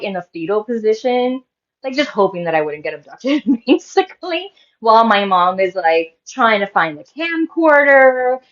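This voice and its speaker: A woman's voice: mid-range voice, muffled recording. A woman in her forties, a medium and healer, telling a story in a casual interview, acting out quotes with lots of fillers. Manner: animated, acts out quotes with laughs and many "like" fillers.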